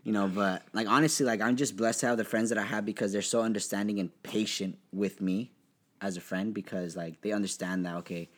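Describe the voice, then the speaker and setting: Excitable young man, deep voice, co-hosting. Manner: excitable, joking, quick to laugh. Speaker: podcast co-host. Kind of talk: casual chat.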